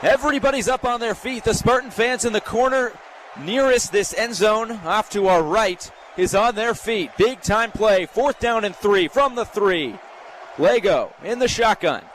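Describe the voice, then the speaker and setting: An American sportscaster calls live radio play-by-play in short, clipped announcer phrases. His voice is high-pitched and fairly bright, and he takes his time. The broadcast is noisy, recorded live with stadium ambience behind him.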